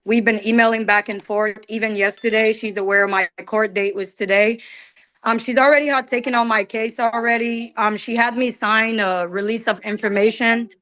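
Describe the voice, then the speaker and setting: A woman's voice: a little high, steady tone, normal speed, a bit bright. A woman tenant explaining her case to a judge, earnest and detailed.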